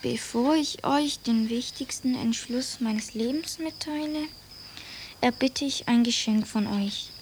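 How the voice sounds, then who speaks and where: Precocious young Jules Verne, high-voiced. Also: female voice, a little hiss or hum. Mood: earnest, self-important. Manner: slow, deliberate dictation, speaking punctuation aloud. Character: precocious, earnest young boy dictating letters to his parents. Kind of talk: German radio play acting.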